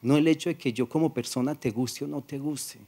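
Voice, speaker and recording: A man with a Colombian Paisa accent preaching a sermon as pastor, soft-spoken and conversational, acting out little dialogues as he talks. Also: medium pitch, brisk. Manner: soft-spoken, does not shout.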